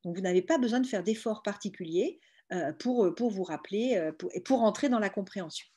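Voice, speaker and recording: A woman's voice: mid-range voice, fairly quick, mellow, husky. A woman giving an explanatory online lecture on hearing, patiently walking listeners through each point step by step. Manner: patient, explains step by step with frequent "hein" and "bah". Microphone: video call.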